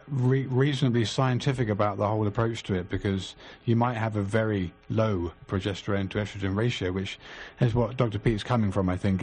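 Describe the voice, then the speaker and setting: A man hosting a radio call-in show, brisk and steering callers along. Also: on the low side, a little mellow, husky.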